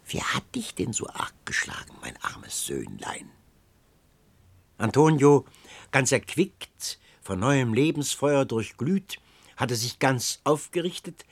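A man reading an audiobook as narrator with expressive, dramatic storytelling. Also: mid-range voice, no echo.

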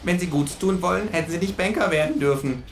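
A man's voice: high-pitched, fast, roomy sound, a little hiss or hum, pitched above the performer's own voice. A man voicing a brash, cynical male kangaroo who talks bluntly with sarcastic provocation. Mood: sardonic. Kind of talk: audiobook character reading.

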